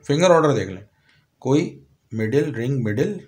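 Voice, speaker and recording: Piano plays in the background as a male music teacher, speaking with a Pakistani Urdu accent in a mid-range voice, explains the lesson calmly, one step at a time. He occasionally slows down to sing short lines of lyrics.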